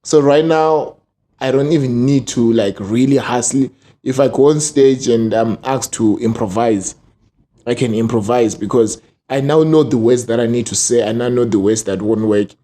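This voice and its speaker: A man from Zimbabwe with a Southern African accent, a ventriloquist guest telling casual, animated stories full of slang and acted-out quotes. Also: mid-range voice, normal speed. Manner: casual, slang-laden, acts out quoted speech.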